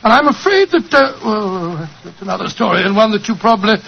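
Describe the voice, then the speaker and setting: An actor playing a genial, rambling elderly English doctor with a British accent and a husky voice in a 1940s radio drama. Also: male voice, high-pitched, animated, a little fast, exaggerated voice. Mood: fond reminiscing. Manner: avuncular, rambling, easily sidetracked. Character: genial elderly English doctor fondly telling old adventures. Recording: dull vintage 1940s radio recording.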